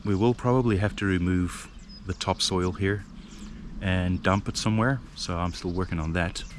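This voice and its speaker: A man's voice: deep voice, steady tone, normal speed, background noise. A man from South Africa talking casually with lots of fillers as he vlogs outdoors on his farmland. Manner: rambling, with many fillers and restarts. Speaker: vlogger. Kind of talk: casual outdoor vlog talk.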